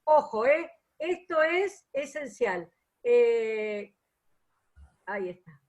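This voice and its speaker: A woman's voice: on the high side, lively intonation, drawn-out words, a little mellow, dull audio. A woman teaching a math class online, patient and explanatory, often checking that students follow.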